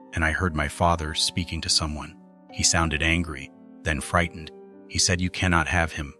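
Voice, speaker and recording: A man reading a scripted first-person horror story in a measured, even way. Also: low voice. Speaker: narrator.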